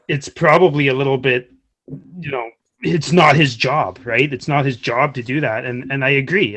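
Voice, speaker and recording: Man, mid-pitched voice, casual podcast banter, blunt, swears a lot. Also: a bit bright. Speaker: podcast co-host. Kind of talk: casual sports chat.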